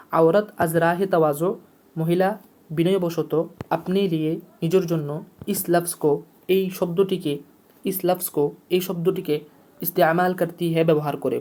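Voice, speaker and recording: A teacher explaining vocabulary in a lesson, repeating each word and its meaning over and over. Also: male voice, a little high, a little mellow. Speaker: Urdu teacher.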